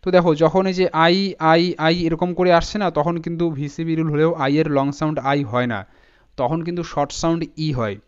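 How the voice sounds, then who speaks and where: Male teacher, careful syllable-by-syllable delivery, clear resonant tone, muffled lo-fi sound. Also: on the high side, steady tone. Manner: slow, deliberate spelling out of letters and syllables. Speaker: English teacher. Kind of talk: spoken lesson breaking words into syllables. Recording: dull lo-fi sound.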